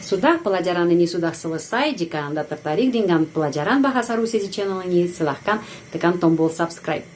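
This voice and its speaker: A woman teaching a language lesson, explaining patiently and repeating example sentences slowly and clearly. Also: lowish voice, expressive, darkish tone, a little hiss or hum.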